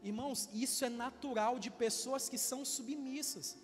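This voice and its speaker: A Brazilian pastor in his twenties preaching a sermon with loud swells and calls for amens. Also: very high-pitched, steady tone, normal speed, in a large hall, soft background music. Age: 20s. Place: church hall.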